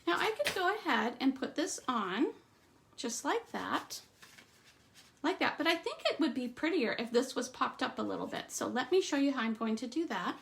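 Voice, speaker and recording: A woman giving a live stamping demonstration, chatting through each step and trailing off into quiet asides. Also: high voice, sing-song, moderate pace, creaky. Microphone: streaming setup at a craft table.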